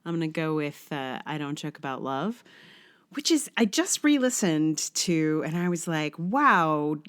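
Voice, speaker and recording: A middle-aged woman hosts a solo podcast in a deep, clear, resonant voice, her pitch swinging widely at a measured pace. She starts by reading a scripted essay, then drifts into casual rambling, musing in a wry, self-questioning way.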